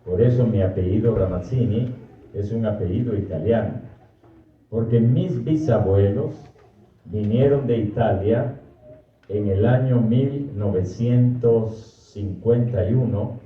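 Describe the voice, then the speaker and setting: An older man, a priest from Guatemala with a Guatemalan Spanish accent, giving a slow, thoughtful personal talk and often correcting himself. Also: fairly low pitch. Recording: distant, echoey, muffled hall recording.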